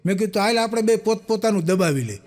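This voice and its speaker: A man's voice: high voice, animated, fast, background noise. A young man, telling jokes as comic stories and acting out the people in them. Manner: acts out the people in each joke, with punchlines. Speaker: stand-up joke teller.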